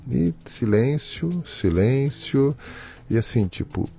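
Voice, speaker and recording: A middle-aged man with a Brazilian Portuguese accent, a podcast guest recounting a personal story haltingly, restarting and repeating words. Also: medium pitch, animated, creaky, mellow, soft background music.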